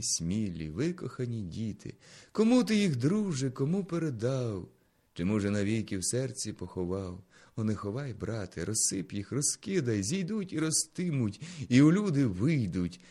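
A man giving a dramatic poetry recitation, swinging between hushed lines and loud, declaiming ones. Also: fairly low pitch. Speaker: poetry reader.

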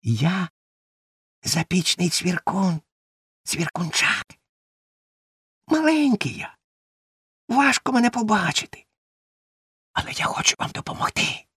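A tiny male cricket from a storybook, piping very high and thin. The voice is soft and husky, close to a whisper, and eager to help. It is heard up close with no room sound. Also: sing-song, slow pace, long pauses, no room sound, exaggerated voice. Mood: confiding. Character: tiny squeaky male cricket behind the stove, helpful.

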